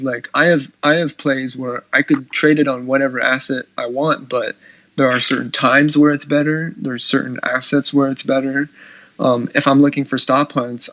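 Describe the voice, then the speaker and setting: A man's voice: mid-range voice, fairly bright tone, dry recording, rough recording. A man giving casual trading advice on a live stream, talking loosely with lots of "like" and "you know".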